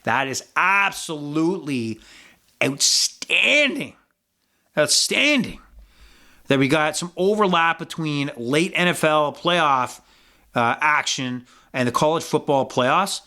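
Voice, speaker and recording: A man's voice: a little high, unhurried, sharp tone. A man hosting a sports podcast, talking casually about football and betting picks, rambling and swearing as he goes. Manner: rambling, swears freely, frequent fillers and restarts. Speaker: podcast host.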